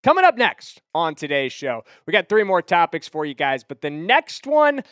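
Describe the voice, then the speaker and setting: A man's voice: fairly high pitch, sing-song, moderate pace, fairly bright tone, smooth, no room sound, clean studio sound. A young man hosting a football news show, talking with enthusiastic, emphatic fan energy. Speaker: sports podcast host.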